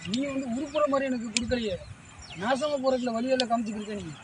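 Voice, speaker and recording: A man playing a high-voiced, exasperated scolding boss. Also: fast. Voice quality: scolding, exasperated elder-brother manner. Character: irritable man scolding his foolish helper. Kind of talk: web series comedy acting. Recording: outdoor recording with clear background noise.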